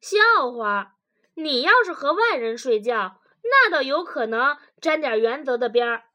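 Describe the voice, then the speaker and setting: A woman voicing a stubborn, defensive working-class husband in a storybook reading, talking loud and blunt with folksy turns of phrase. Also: high voice, sing-song, measured pace, highs cut off, voice pushed up. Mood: blustering.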